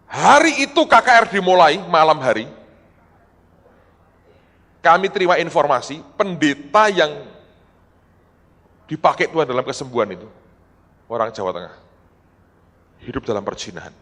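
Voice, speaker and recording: A man's voice: on the high side, normal speed, long pauses. A middle-aged man giving a storytelling sermon as a pastor, talking straight to his congregation. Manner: storytelling, animated, acts out quoted dialogue; addresses congregation as "saudara". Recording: long hall reverb.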